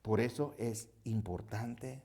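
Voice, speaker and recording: A man preaching a sermon as pastor, emphatic and repetitive, swinging from loud declarations to hushed phrases. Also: mid-range voice, fairly even intonation, slow pace, slightly rough.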